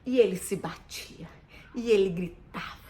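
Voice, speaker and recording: A woman's voice: medium pitch, measured pace, mellow. Emotional Brazilian mother, voice wavering. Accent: Brazilian Portuguese. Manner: emotional, repetitive, voice wavering near tears. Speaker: mother telling her family's story. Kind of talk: personal account to camera.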